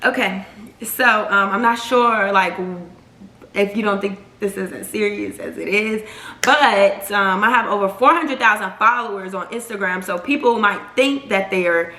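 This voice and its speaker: Young woman vlogging a storytime, animated and slangy, echoey room. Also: mid-range voice, unhurried. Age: young adult. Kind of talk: casual storytime. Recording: roomy echo.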